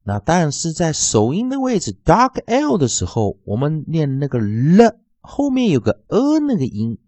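A man leads a phonics lesson, his pitch swinging widely as he explains in Chinese. He repeats each sound slowly and deliberately, drawing out syllables. The recording is dry and close, with no room echo. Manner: very lively pitch, drawn-out syllables. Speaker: English pronunciation teacher.

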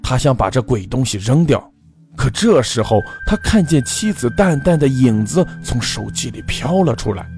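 A man's voice: mid-range voice, huge pitch swings, moderate pace, a little mellow. A man narrating a folk ghost story in a dramatic, scripted way. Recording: faint background music.

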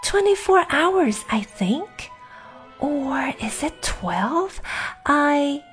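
A woman's voice: sits high, big pitch swings, unhurried, faint music behind, voice pushed up. A woman voicing an earnest, fretful young girl in a read-aloud story. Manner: eager, fretful.

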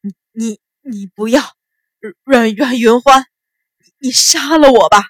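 A woman voicing a captive nobleman who shouts, curses and stammers in panic. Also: fairly high pitch, measured pace, dry recording, studio quality. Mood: terrified.

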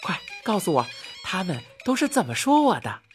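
A woman voicing Chang'e, a vain, quick-tempered young wife who scolds shrilly, for a spoken storybook. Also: mid-range voice, sing-song, faint music behind, close to an everyday voice. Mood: eager.

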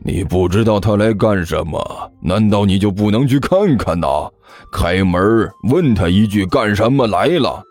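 A male narrator voicing a grumpy, gruff older master swindler who scolds his apprentice in an audiobook story. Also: on the low side, lively intonation, measured pace, a little mellow, dry recording, soft background music. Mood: irritable.

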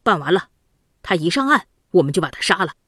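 A woman voicing a group of rough male soldiers who speak bluntly and then in alarm, in a storybook reading. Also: lowish voice, big pitch swings, quick pace, fairly bright tone, no echo, clean studio sound, exaggerated voice.

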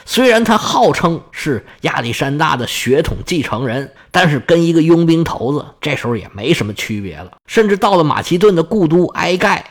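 A man tells ancient history in a relaxed, chatty way, and his voice rises and falls a lot. He sits a bit high for a man and throws in joking asides. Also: moderate pace, few pauses. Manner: lively, colloquial, joking asides. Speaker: history storyteller. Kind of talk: casual history storytelling.

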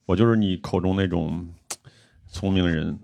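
A young man, a podcast co-host, telling a personal story in casual chat, animated and acting out quoted dialogue. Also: low-pitched, moderate pace, creaky.

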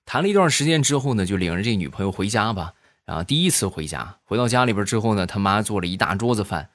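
Lively low-voiced man telling jokes. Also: fast talker, no room sound. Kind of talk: comic storytelling.

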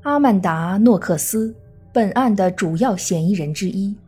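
A woman true crime narrator reading a scripted case story in a measured storytelling manner. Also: medium pitch, expressive, dark tone, slightly rough. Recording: faint music under the voice. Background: faint background music.

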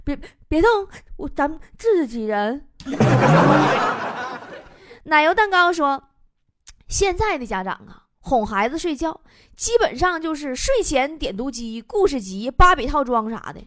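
A woman hosting a comedy show, reading out listener jokes in a playful, animated way and laughing often. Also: sits high, slow, pauses often.

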